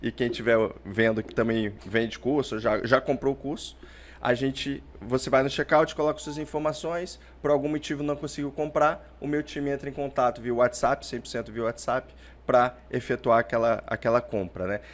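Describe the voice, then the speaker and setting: This podcast guest, a startup founder born in Portugal and raised in Brazil, speaks in a mid-range voice at normal speed with fairly even intonation. His conversational interview answers are chatty and frequently tagged with "né?"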